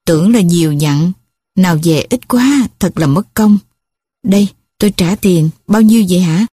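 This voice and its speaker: A woman's voice: lowish voice, normal speed, warm tone, husky, dry recording, studio quality. A woman voicing a complaining, stingy male blood buyer in an audiobook story, grumbling.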